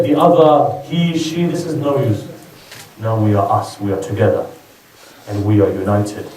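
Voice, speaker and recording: A man's voice: mid-range voice, darkish tone. A man giving an emotional sermon to a gathering, pleading and repeating his lines. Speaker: preacher. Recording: echoey hall, from a distance.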